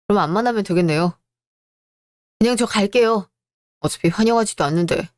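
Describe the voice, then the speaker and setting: A woman's voice: mid-range voice, fairly quick, a little mellow, no room sound, natural voice. Woman doing a bitter younger son, blunt and tired, dry close read. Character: resentful younger son, hardworking man.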